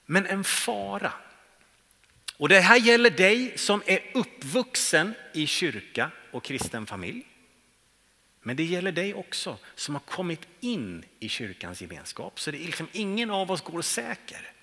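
Guy preaching, high bright voice, long echo like a big church hall. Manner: animated preaching, rhetorical questions, soft dips and swells. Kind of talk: sermon.

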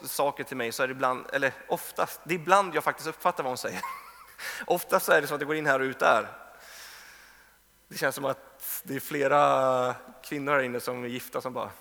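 Gravelly-voiced man preaching in a reverberant hall. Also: fairly high pitch, bright, forceful tone. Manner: conversational storytelling, acts out quoted voices. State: tired from little sleep. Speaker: pastor. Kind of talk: sermon.

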